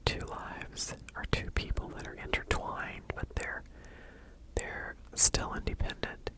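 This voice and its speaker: An ASMR host whispers softly, taking her time and pausing often, as though casually sharing things with her viewers.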